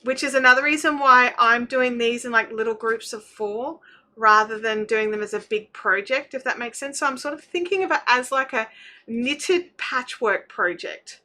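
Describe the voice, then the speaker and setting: Bright, high-voiced Kiwi woman chatting casually. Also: normal speed. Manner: scattered, self-interrupting, thinking aloud, informal slang. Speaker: craft livestream host. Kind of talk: casual chatty livestream while knitting.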